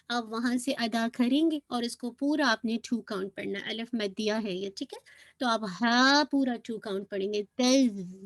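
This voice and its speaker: A woman teaching Quran recitation rules in a patient lesson, often checking in with the learner and slowly modelling each sound. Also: on the high side, dry recording.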